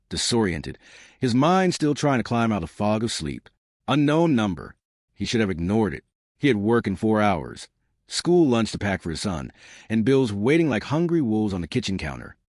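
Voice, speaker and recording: A man tells an emotional story in a scripted, dramatic way. His voice sits low, yet it rises and falls with feeling. It is recorded dry and close, with no room around it. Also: very animated, moderate pace, no room sound. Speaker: story channel narrator.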